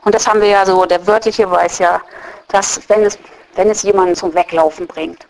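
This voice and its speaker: A middle-aged woman telling a personal faith story in a lively way, often voicing her own thoughts. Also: mid-range voice, normal speed, gravelly, slight background noise, poor audio. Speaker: testimony speaker.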